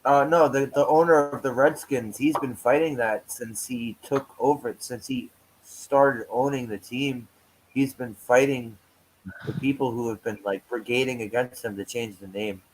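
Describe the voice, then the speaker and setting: A man's voice: medium pitch, fairly even intonation, moderate pace, slight background noise, poor audio. An easygoing man in casual group chat, chiming in and laughing along.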